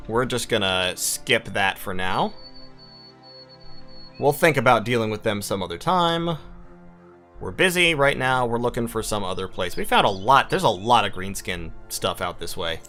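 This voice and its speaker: A man's voice: medium pitch, sharp tone. A man playing a game, commenting casually, reacting with swearing and disbelief, and reading event text aloud. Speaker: let's play gamer. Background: game music.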